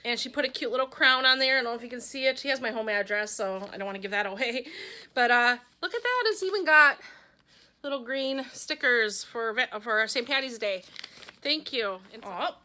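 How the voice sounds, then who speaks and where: Middle-aged woman vlogger from Wisconsin, high and bright voice, gushing casual chat. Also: animated, moderate pace. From Wisconsin, USA. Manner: gushing, chatty, talks to her pet. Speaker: vlogger opening fan mail.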